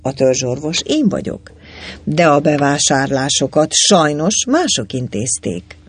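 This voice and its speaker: A narrator voicing a melancholy army staff doctor in an audiobook. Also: male voice, a little high, animated, husky. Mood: resigned. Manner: gloomy, resigned.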